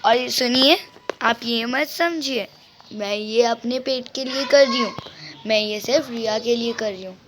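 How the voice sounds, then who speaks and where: A woman's voice: a little high, unhurried, background noise. A woman host doing game role-play as a poor, devoted mother who talks in a firm, comforting way. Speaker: gaming channel host voicing a family.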